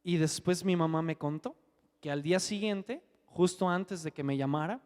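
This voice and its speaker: A man's voice: on the high side, normal speed, darkish tone, clean tone. A man preaching a sermon and telling a personal testimony in an earnest, conversational way, often adding tag questions. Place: church hall. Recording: long church hall reverb.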